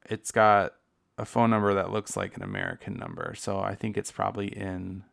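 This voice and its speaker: Lowish and gravelly with a fairly bright tone, this man's voice swoops wildly in pitch at a normal speed. He's a podcast host giving a casual solo monologue, full of candid profanity, camp and laughing asides.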